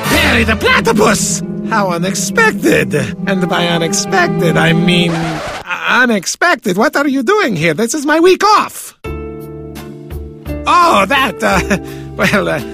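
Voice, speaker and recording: A man's voice: high-pitched, very animated, slow pace, creaky, exaggerated voice. A theatrical male cartoon villain, stammering nervously. His melodramatic delivery swoops up and down, with music playing behind. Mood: flustered. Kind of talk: cartoon voice acting.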